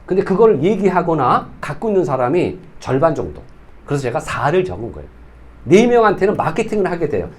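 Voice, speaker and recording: This is a man lecturing at a sales training seminar. His voice sits high and carries a husky grain. He leaps around in pitch as he presses rhetorical questions on the room and acts out little exchanges. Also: sing-song, fairly quick, a little mellow. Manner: emphatic, fires rhetorical questions at the audience; acts out quoted dialogue. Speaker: business team leader giving a seminar.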